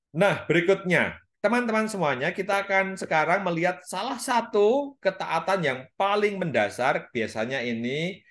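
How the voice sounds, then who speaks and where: Chatty priest giving a casual sermon. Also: male voice, mid-range voice, a bit bright. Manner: conversational, chatty, with fillers and laughter. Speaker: priest giving a talk at a prayer meeting. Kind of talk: informal sermon.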